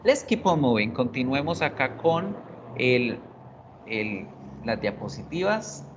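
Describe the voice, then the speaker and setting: Patient teacher, slow, dull lo-fi call audio. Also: female voice, very deep voice, very animated, background noise. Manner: explains patiently, mixing Spanish and English, checks in with "right?" and "¿sí?". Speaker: English teacher. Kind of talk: online class lecture. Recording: dull lo-fi online class audio.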